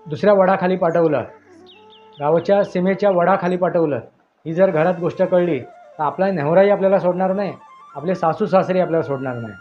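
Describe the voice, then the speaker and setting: A man's voice: sits high, fairly quick. A man narrating a horror story in a dramatic style, with emphatic, repetitive phrasing. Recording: dull lo-fi audio with faint music.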